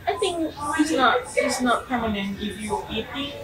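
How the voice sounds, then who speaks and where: A woman's voice: fairly high pitch, animated, moderate pace, far from the mic, over a noisy crowd. Giggly Thai woman, echoey room. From Thailand. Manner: giggly, plain-spoken. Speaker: guest. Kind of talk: casual chat.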